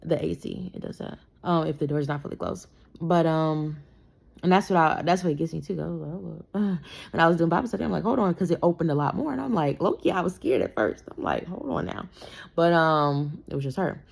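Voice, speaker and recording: A young woman talks through a parenting story in a loose, rambling way, full of "you know" and "like." Her voice sits a little low and carries a lot of vocal fry. She sounds like she is just chatting to her audience. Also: fairly quick. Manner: rambling, conversational, frequent fillers. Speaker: parenting vlogger. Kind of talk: casual storytime monologue.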